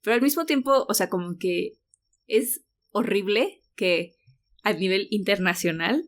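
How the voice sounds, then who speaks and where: A woman's voice: medium pitch, expressive, unhurried. Earnest woman in thoughtful talk. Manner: thoughtful, earnest, many fillers. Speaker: podcast guest. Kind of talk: casual conversation.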